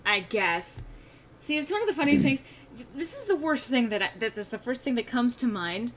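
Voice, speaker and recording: Woman streamer host, bright and sharp tone, chatty self-mocking rambles, slightly subdued from feeling unwell. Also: fairly high pitch, animated, normal speed, a little hiss or hum. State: slightly under the weather, subdued. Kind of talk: casual gameplay stream chat.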